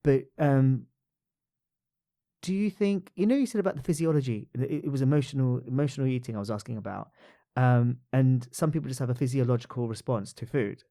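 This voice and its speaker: A podcast host chats casually in an interview, sounding hesitant with lots of fillers and restarts. His mid-range voice is dark in tone and fairly quick.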